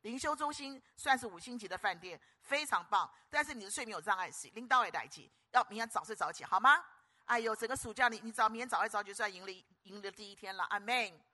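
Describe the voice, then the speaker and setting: An older woman preaching a sermon, moving between hushed storytelling and loud, rousing calls to the congregation. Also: on the high side, quick pace. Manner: animated, swings from hushed storytelling to loud exhortation.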